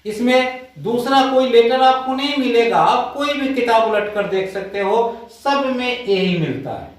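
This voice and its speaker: A male teacher gives a classroom grammar lesson, reciting slowly and quizzing his students. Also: extremely high pitch, animated. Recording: roomy echo, far from the mic.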